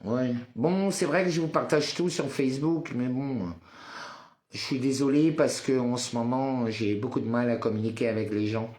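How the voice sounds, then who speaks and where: A man's voice: mid-range voice, steady tone, moderate pace, a little mellow, reverberant. A man doing a live social media monologue who chants a repeated apology mantra, turns blunt and confrontational toward viewers, and hesitates with many fillers. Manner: hesitant with frequent "euh" fillers. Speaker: live streamer.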